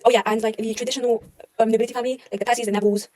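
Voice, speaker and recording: A woman's voice: on the high side, level tone, rapid-fire, a little mellow, a little hiss or hum, poor audio. A young woman talking through her history revision notes in a casual, chatty way, often correcting herself and making wry asides. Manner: chatty, self-mocking, trails off and corrects herself.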